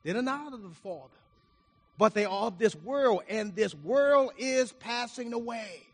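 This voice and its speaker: A man's voice: high-pitched, lively intonation, a little slow. A man preaching a sermon, reading scripture aloud and explaining it, his volume rising and falling for emphasis. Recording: reverberant hall.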